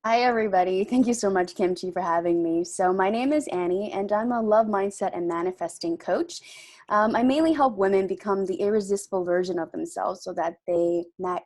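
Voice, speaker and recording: A woman love and mindset coach, upbeat and quick to laugh while explaining her work. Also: medium pitch, a little mellow, no echo.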